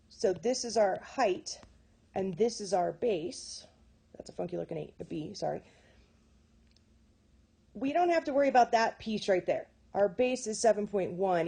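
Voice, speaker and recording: A woman's voice: mid-range voice, dark tone, breathy edge. A woman teaching a recorded math lesson. She talks in a chatty way, often corrects herself and checks in with "okay?".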